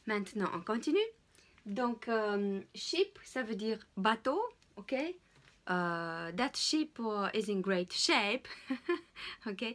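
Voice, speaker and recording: A woman, teaching English pronunciation in a casual, hesitant way and repeating words slowly. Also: medium pitch, fairly bright tone. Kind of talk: casual spoken lesson.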